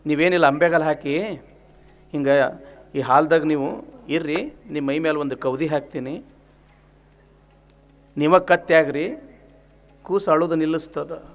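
A man's voice: on the high side, fairly even intonation, a little slow, long pauses, pitched below the performer's own voice. A man voicing a practical wife who talks her proud husband into something in a story. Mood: coaxing. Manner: coaxing, matter-of-fact.

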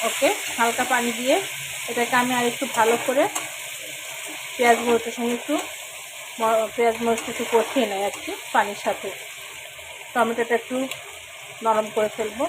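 Hoarse lady cooking vlog host, kinda high voice, explains every step, loud sizzling pan in the background. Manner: talks viewers through each step, mixing in English words. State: hoarse, throat trouble. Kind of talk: casual cooking narration. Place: home kitchen. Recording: sizzling pan noise behind.

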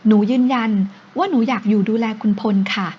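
A woman's voice: a little high, lively intonation, brisk, darkish tone, slightly rough. A woman voicing a determined young wife who talks in an earnest, polite, coaxing way, on a dull recording with faint hiss. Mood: pleading.

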